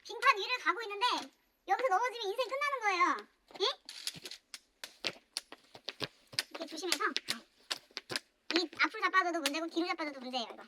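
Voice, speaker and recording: Very high-voiced nervous woman, loud noise around. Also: racing. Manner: nervous muttering to herself. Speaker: solo backpacking vlogger. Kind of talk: casual outdoor vlog. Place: outdoors on a frozen stream.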